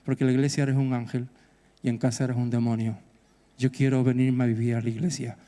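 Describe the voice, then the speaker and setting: A man's voice: mid-range voice, little pitch movement, fairly quick, mellow, pitched below the performer's own voice, close to an everyday voice. A preacher voicing a little girl who pleads with her father, in his own near-everyday voice. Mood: blunt. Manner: insistent, pleading. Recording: echoey church hall.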